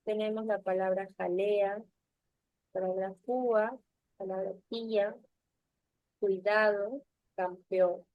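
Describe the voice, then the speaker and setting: A woman's voice: medium pitch, steady tone, slow pace, pauses often, no echo, highs cut off. A young woman teaching an online class through a computer mic, patient and checking often that students follow. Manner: patient, checks understanding with frequent tag questions. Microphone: computer mic on a video call.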